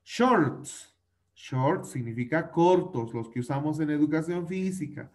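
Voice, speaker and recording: A man's voice: a little high, lively intonation, a little slow. Patient male teacher drilling English words. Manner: patient, drills pronunciation, uses diminutives. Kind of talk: online class for children.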